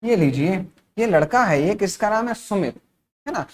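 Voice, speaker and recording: A man from India teaching a spoken-English lesson. He asks and answers his own questions, repeats words slowly, and keeps checking in with his students. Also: high voice, expressive. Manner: frequent checking-in tag phrases.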